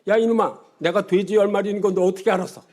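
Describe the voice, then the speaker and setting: Older pastor acting out a boastful churchgoer. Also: male voice, extremely high pitch, sing-song, brisk, darkish tone, voice pushed up. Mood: indignant. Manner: bragging, then indignant. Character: boastful churchgoing man, quick to anger.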